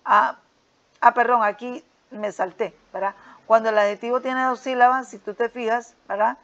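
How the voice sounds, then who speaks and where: A woman's voice: a little high, fairly even intonation, moderate pace, fairly bright tone. Patient woman teaching grammar, dull sound. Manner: patient, repeats "¿ok?" and "¿verdad?" often. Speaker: English teacher. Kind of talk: explaining a grammar worksheet.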